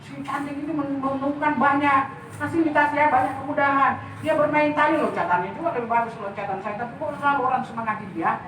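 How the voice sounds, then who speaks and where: A middle-aged woman tells a personal story with lively, expressive turns and often speaks straight to her listener. Her voice sits a little high. The mic picks her up from a distance in a very echoey room, with faint noise behind. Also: quick pace. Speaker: author and speaker.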